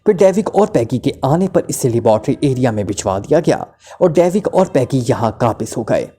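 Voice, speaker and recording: A man's voice: mid-range voice, very animated, moderate pace, warm tone, husky. A man voices a terrified male club owner who stammers and trembles under interrogation, then talks on and on. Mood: talkative.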